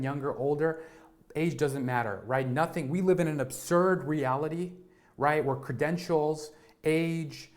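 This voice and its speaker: Energetic young man explaining math. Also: fairly high pitch. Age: 20s. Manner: energetic, repeats words and asks "right?" and "okay?". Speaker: live-stream educator. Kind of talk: live-streamed tech lesson.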